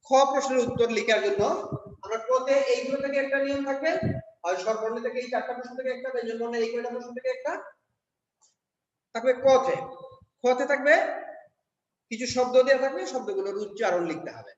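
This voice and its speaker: Male teacher, high voice, revision lecture recorded in a big echoing hall. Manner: slow, explains step by step, spells out letters one by one. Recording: echoey hall, dull lo-fi sound.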